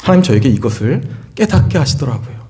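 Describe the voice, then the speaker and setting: A man in his forties, a pastor, telling a personal family story in a sermon to his church, asking the congregation questions as he goes. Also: fast. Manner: earnest storytelling, rising pitch when excited, asks the congregation questions. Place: church sanctuary.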